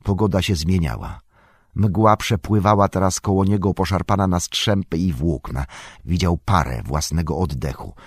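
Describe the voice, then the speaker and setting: A man reading a fantasy novel aloud as an audiobook narrator, in measured, expressive storytelling. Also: deep voice, slightly rough, no echo, studio quality.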